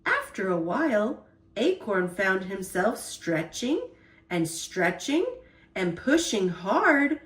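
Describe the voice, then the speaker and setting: Reading a children's picture book aloud, a woman narrates expressively and at a measured, deliberate pace. Her voice sits in the mid range, and the room echoes around her.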